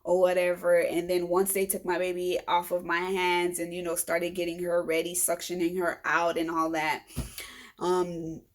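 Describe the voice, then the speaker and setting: Chatty, animated woman telling a story. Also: fairly low pitch, normal speed. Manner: animated, chatty, acts out quoted dialogue; frank and humorous. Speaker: vlogger. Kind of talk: casual storytelling to camera.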